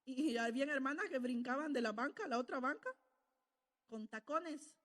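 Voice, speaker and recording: High-voiced woman preaching in a reverberant hall. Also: moderate pace, a bit bright. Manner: storytelling, asks the congregation questions and answers them. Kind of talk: sermon.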